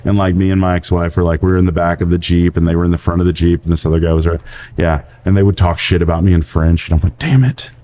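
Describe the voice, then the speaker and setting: A man's voice: deep voice, little pitch movement, rapid-fire, dark tone, a little hiss or hum. A man in his forties, a podcast co-host, telling rambling stories in casual chat and laughing often. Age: 40s.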